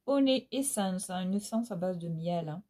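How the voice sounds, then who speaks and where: A woman's voice: on the low side, lively intonation, moderate pace, dark tone. A middle-aged woman from Réunion with a Réunionese Creole accent, chatting casually at home about used-up beauty products, full of fillers and tag questions. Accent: Réunionese Creole French. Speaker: beauty vlogger. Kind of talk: casual product review chat. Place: at home, indoors.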